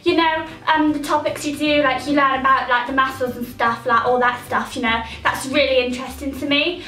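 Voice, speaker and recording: A woman's voice: high voice, fairly even intonation, fairly quick, pushed and bright, reverberant, distant mic, faint music behind. A woman playing a boastful, chatty young dancer at an audition in a comic storytelling video, gushing and self-important. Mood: gushing, rambling.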